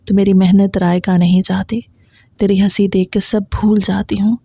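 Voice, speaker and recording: A soft, encouraging mother who works hard for her daughter and stays calm and loving, as a woman storyteller reads her. Her warm, mellow voice sounds dry and close, with nothing else heard. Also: mid-range voice, slightly rough, no echo. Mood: tender. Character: gentle, devoted poor mother, middle-aged woman.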